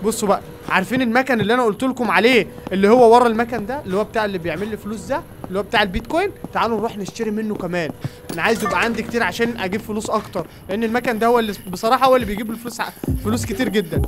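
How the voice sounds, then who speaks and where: Fast-talking Egyptian gamer over game music. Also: male voice, high voice. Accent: Egyptian Arabic. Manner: rapid, excited running commentary, talking to viewers. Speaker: gaming YouTuber. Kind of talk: game commentary. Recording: game music playing behind.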